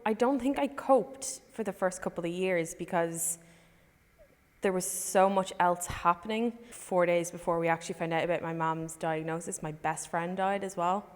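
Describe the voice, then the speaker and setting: A woman in her twenties speaking softly and reflectively in a documentary interview. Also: lowish voice, moderate pace, big-room sound. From Ireland. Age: 20s.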